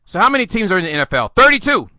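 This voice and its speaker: A man's voice: high-pitched, sing-song, very fast, bright, forceful tone, dry recording. A man hosting a podcast, ranting sarcastically with theatrical mock outbursts. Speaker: podcast host. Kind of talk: sarcastic solo podcast rant.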